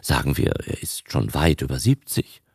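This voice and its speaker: A man's voice: rumbling low, big pitch swings, normal speed, vocal fry, breathy edge, no room sound, studio quality, voice pushed down, full character voice. A man voicing an unsettled author who defends himself hesitantly in a dramatized audiobook. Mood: defensive. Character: flustered, defensive middle-aged author.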